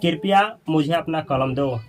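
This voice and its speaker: A man with a Hindi accent teaching a classroom lesson, often asking the class questions and drawing out example sentences slowly. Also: a little high. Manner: drawn-out slow examples.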